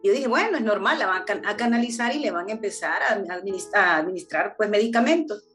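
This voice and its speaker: Earnest woman preaching over soft music. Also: mid-range voice, lively intonation, fast talker. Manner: earnest and heartfelt, with frequent restarts. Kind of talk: personal testimony sermon.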